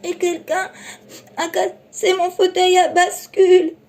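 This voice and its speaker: A woman voicing a little baby bear who whines and cries in a very high, loud voice. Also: level tone, takes it slowly, heavily acted. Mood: tearful. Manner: squeaky, tearful and loud.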